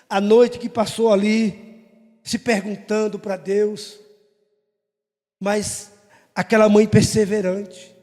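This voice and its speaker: A middle-aged man, a pastor, preaching a sermon as an animated storyteller who acts out family scenes. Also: high-pitched. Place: church hall. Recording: echoey church hall.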